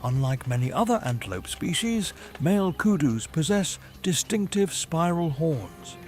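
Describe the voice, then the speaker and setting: A man reads scripted nature documentary narration in a measured, formal storytelling manner. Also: a little high, big pitch swings. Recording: music behind the voice. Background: background music.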